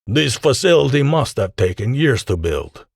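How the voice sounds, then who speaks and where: Joking, stiffly formal male scientist, as a narrator puts him on, lively pitch, dry sound. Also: normal speed, gravelly, slightly rough, dry recording, heavily acted. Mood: jovial.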